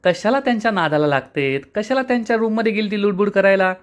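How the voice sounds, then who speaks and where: A shrill older village woman scolding her daughter-in-law in a rush of words, as a man puts her on. The voice sits well above his own and hurries. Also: natural voice. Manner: quick scolding.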